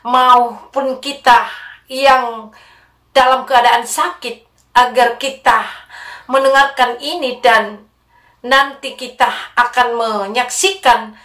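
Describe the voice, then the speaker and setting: A woman's voice: a little high, fairly even intonation, a bit bright. Woman host in an echoey room. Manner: measured, addresses viewers as friends. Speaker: channel host. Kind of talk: religious commentary.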